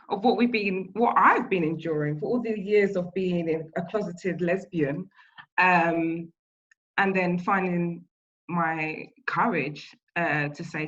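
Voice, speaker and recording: A woman in her thirties speaking on a panel over a video call, earnest and personal, halting with fillers. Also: low voice, fairly bright tone. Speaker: panelist, community event founder. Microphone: video call mic. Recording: dull lo-fi call audio.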